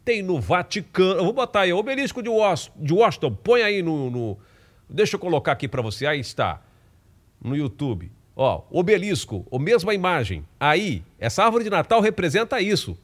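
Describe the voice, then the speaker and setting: A man's voice: high-pitched, sing-song, normal speed. Fervent Carioca preacher man. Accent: Carioca Brazilian Portuguese. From Rio de Janeiro, Brazil. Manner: fervent and emphatic, with frequent restarts. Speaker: evangelical preacher and channel host. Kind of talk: informal preaching monologue.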